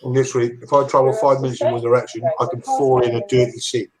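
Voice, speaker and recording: A man's voice: medium pitch, level tone, racing, crowd noise, rough recording. A man, joking about getting old and swearing on a video call. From Wales. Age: 50s. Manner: self-mocking, swearing. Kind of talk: casual banter on a video call.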